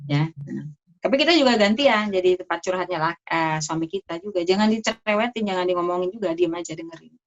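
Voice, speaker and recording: A middle-aged woman doctor giving a casual talk on marriage health to an audience, chatty with lively asides. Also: lowish voice, quick pace. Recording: dull lo-fi sound.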